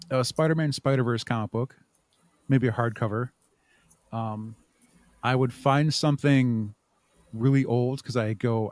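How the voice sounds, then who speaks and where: A podcast guest who creates audio dramas and podcasts chats informally in a casual interview, hesitating and thinking aloud as he answers. His voice is mid-range and darkish, with no room sound.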